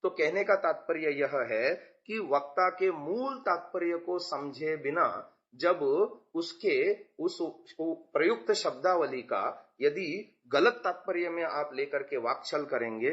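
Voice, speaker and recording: A man's voice: a little high, fairly bright tone. A man teaching scripture, explaining patiently with everyday examples. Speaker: religious teacher. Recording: dull lo-fi recording.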